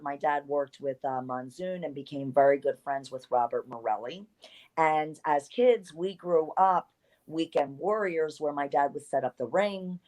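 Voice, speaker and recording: Low-voiced Jersey woman in her fifties. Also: darkish tone. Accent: New Jersey. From South Jersey, USA. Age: 50s. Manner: chatty, rambling, laughs easily. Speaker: guest, retired wrestler. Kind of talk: casual interview storytelling.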